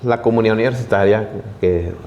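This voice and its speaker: A man's voice: on the low side, a little mellow, dull audio. Venezuelan male interviewer in a reverberant room. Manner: halting questions with restarts. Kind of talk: interview questions. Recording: reverberant room, faint noise.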